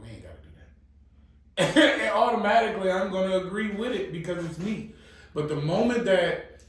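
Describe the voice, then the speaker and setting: A high-pitched man, captured on a distant mic with a little hiss or hum, speaks in an echoey room. As a blunt podcast co-host from New Orleans, Louisiana, he gives blunt advice during casual chat, sounding profane, emphatic, and motivational.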